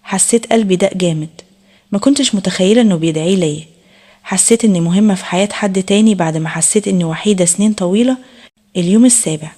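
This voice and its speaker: A woman with an Egyptian Arabic accent tells a first-person story in scripted narration. She reads at a brisk pace with a husky, breathy voice and keeps an intimate, even delivery. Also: mid-range voice.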